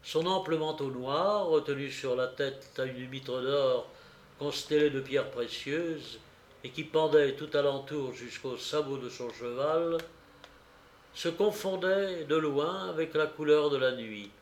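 A man reading a classic novel aloud in a slow, measured narration, lifting his voice for quoted shouts. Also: a little high, roomy sound. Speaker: audiobook reader. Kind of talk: literary narration.

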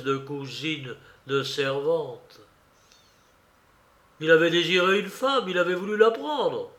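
A man reading a literary novel aloud in a measured, expressive way. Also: a little high. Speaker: audiobook narrator.

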